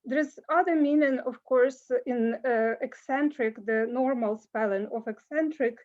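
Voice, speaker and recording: A woman giving an academic conference talk over a video call, pausing often with filler sounds. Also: on the high side, a little mellow, highs cut off. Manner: hesitant, many filler sounds. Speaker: conference speaker.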